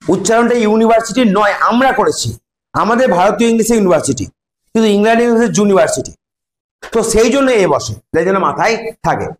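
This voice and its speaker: In an echoey classroom, a male English teacher with a Bengali accent animatedly guides students through grammar step by step, pausing to test them. His voice sits on the high side for a man.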